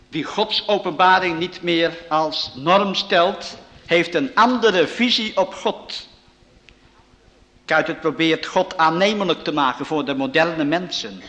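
A man delivering an earnest sermon in a fairly high, bright, forceful voice. He reads passages aloud and builds the emphasis as he goes. His words ring out with the long reverb of a church hall. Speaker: preacher.

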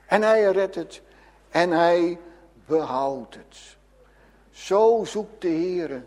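A man preaching a sermon to children and adults, swinging between loud calls and hushed lines. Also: sits high, long reverb tail.

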